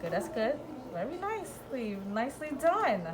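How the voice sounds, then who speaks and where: High-voiced woman teaching young children. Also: sing-song, moderate pace, roomy sound. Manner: encouraging, instructing with short repeated prompts and praise. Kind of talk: hands-on classroom science demonstration for children. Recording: classroom with children's chatter around. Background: group of children.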